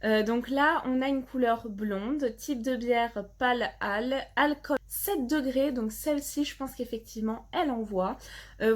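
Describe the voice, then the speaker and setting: Chatty French woman, slightly high voice. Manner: chatty, many fillers, reads labels aloud. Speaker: box unboxing vlogger. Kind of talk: casual unboxing review.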